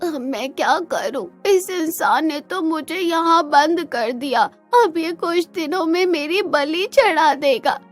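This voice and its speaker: A woman's voice: very high-pitched, expressive, unhurried, few pauses, faint music behind. Woman voicing a frightened little goat. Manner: pleading, tearful. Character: frightened young female goat.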